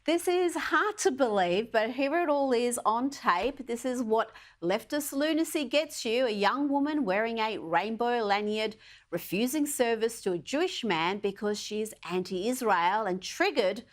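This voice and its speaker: A woman's voice: a little high, animated, a little slow. Sarcastic woman news host. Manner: sarcastic, mocking. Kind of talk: scripted opinion commentary.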